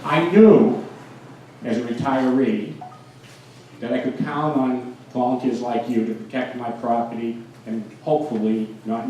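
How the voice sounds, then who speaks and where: Heard through a distant microphone in a very echoey space with faint noise, a guest speaker delivers an informal, emphatic public address. He's a mellow, medium-pitched American in his sixties with a Boston accent, plain-spoken, and works as both a fire protection engineer and a town mayor.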